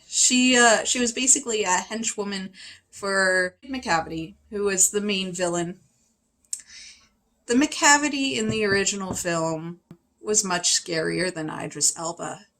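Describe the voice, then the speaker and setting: A woman reviewing a film in a casual, opinionated way, chatty and animated, with sudden high exclamations. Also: measured pace, low-quality recording. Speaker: video reviewer.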